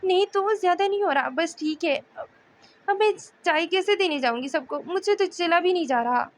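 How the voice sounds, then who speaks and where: A woman's voice: extremely high pitch, moderate pace, slight background noise. A woman voicing a shy, easily startled young wife in an audiobook novel, flustered and bashful.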